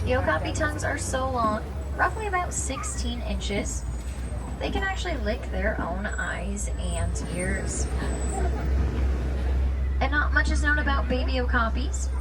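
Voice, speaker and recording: Woman, safari guide, higher-pitched, rehearsed tour patter, distant, loud crowd and truck noise. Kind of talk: live guided tour narration. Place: open safari truck outdoors. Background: vehicle rumble, outdoor ambience, people.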